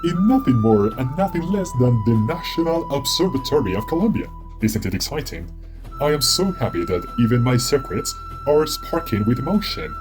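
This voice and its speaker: A man voicing a cheerful, chatty robot satellite with a robotic, sparkling voice and theatrical delivery. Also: on the high side. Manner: theatrical, lively, drawn-out delivery. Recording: soft music underneath.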